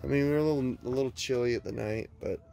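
A man's voice: mid-range voice, rapid-fire, creaky, dark tone. A man hosting a casual vlog, sounding groggy as he chats his way around a campground and into a tent, filmed on a handheld camera. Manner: chatty and upbeat, with loose fillers. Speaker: vlogger. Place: campground, outdoors and inside a tent.

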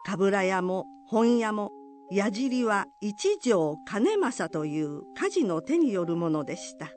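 With music playing underneath, a woman tells a folk legend in formal, polite language and expressive storytelling. Her middle-pitched voice rises and falls animatedly at a slow, measured pace.

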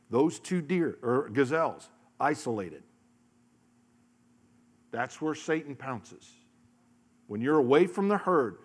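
A middle-aged man preaches on a large church stage with a handheld mic. His voice sits a touch high for a man. He tells stories, acts out voices, and swings from hushed lines to loud ones. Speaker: pastor. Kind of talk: sermon.

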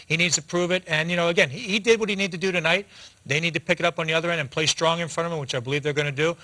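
A man in his forties breaks down a hockey game from a TV studio desk. He talks quickly and keeps restarting his sentences as he gestures. His voice is bright and sits a little high for a man. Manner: fast, animated talk with restarts, gesturing with hands. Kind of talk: post-game analysis. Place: TV studio set.

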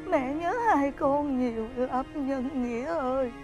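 A woman's voice: high voice, measured pace, highs cut off, over music. A woman acting a grieving mother in a television folk-tale drama, tearful and pleading.

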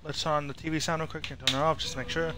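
Racing along in a fairly high voice with little pitch movement, a young man streams a game and comments casually and spontaneously. Game sounds make the recording noisy.

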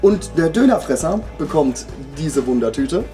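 A man's voice: fairly high pitch, animated, normal speed, loud music behind the voice. A man in his thirties making a casual giveaway announcement as a channel host, chatting informally and directly to his viewers in a room at home.

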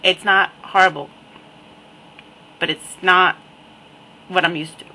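Wry slow-talking New woman. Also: lowish voice, a little hiss or hum, rough recording. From New Jersey. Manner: wry, repetitive, deadpan asides. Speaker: vlogger. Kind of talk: casual webcam monologue.

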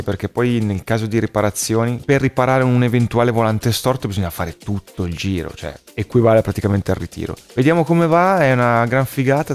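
A man giving casual sim racing commentary, his voice hoarse and worn after the flu, chatty with his viewers. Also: lowish voice. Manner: chatty, addresses viewers as guys. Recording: faint music underneath.

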